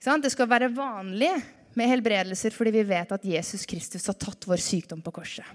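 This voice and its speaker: Energetic woman preaching in reverberant hall. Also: medium pitch. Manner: energetic, animated preaching with rhetorical questions. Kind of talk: sermon. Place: church hall.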